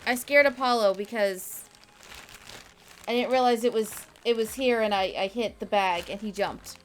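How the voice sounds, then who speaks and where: A woman's voice: on the high side, normal speed, slight background noise. A woman streamer chatting casually with her viewers, with many fillers, and cooing at her dog. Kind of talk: casual livestream chat.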